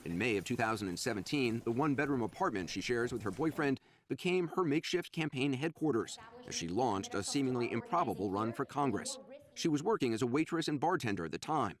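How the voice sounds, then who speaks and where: Male news narrator, mid-pitched, measured, scripted.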